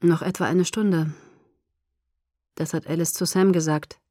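This is a brooding young vampire, read by a woman in an audiobook. He speaks in a hushed, lowered voice that turns soft and tender. The recording is dry and close, with no room sound. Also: brisk, dry recording, natural voice. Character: gloomy tender young male vampire lover. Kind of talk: audiobook character voice.

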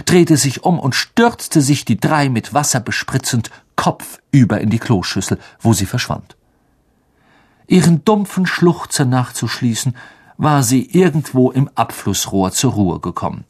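A narrator reading a children's novel aloud with expressive storytelling. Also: mid-range voice, measured pace, husky. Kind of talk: audiobook narration.

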